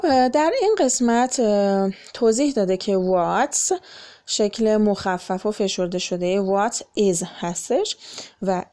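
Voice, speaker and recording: A woman's voice: mid-range voice, darkish tone. Patient woman teaching English. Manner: patient, explains then translates, many fillers. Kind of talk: explaining a children's textbook lesson.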